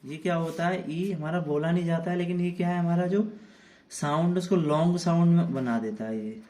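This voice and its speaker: A man's voice: fairly high pitch, normal speed, dark tone. A man from India, a teacher giving a classroom lesson to children. He speaks, spells words out letter by letter and keeps answering his own questions. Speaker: English teacher.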